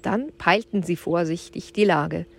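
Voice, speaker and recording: A woman narrating a children's adventure audiobook with clear, even storytelling. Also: lowish voice, a little slow.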